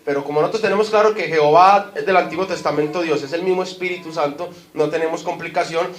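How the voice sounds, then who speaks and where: A man's voice: on the high side, fairly even intonation, fast. A man with a Colombian Spanish accent preaching a sermon as pastor, putting questions to the congregation and stressing his points. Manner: preaching with rising emphasis, asks the congregation questions. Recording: echoey hall.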